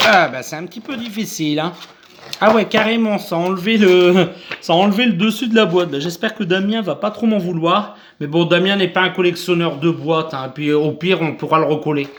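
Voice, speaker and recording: A man with a French accent chats through a toy unboxing in a relaxed, halting way, full of "euh" and restarts. His voice sits a little higher than most men's. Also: slight background noise. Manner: hesitant, many fillers and restarts. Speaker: YouTube unboxing host. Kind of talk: casual unboxing vlog.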